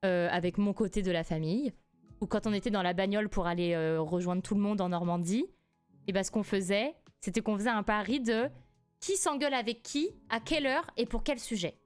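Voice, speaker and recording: A woman's voice: medium pitch, brisk, smooth, faint music behind. Chatty young woman telling a story. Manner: animated, laughs often, rises sharply when indignant. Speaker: streamer. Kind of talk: casual live-stream storytelling.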